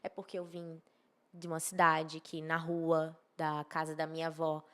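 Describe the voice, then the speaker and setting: A woman from Maceió in northeastern Brazil, a podcast guest who works in architecture and social media, explains things conversationally. Her voice is low and her delivery completely flat at a normal speed, yet she speaks emphatically and repeats key phrases.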